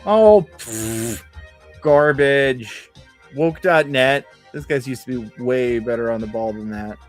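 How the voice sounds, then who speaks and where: A man's voice: mid-range voice, slow pace. A man with a cold hosting a casual livestream, talking in a profane, sardonic, chatty way. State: has a cold. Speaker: livestream host. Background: faint background music.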